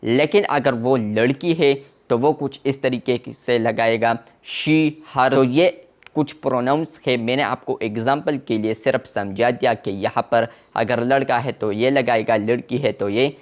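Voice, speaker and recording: A man's voice: medium pitch, unhurried. A man presenting a tech tutorial, explaining app settings step by step and often addressing viewers as friends. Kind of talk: screen-recorded tech tutorial.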